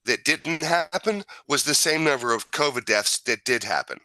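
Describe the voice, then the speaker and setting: Bright-voiced man with a smoker's rasp. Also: medium pitch, animated, normal speed, dry recording. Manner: emphatic, repetitive, sweary. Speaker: talk show host. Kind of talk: casual opinionated talk.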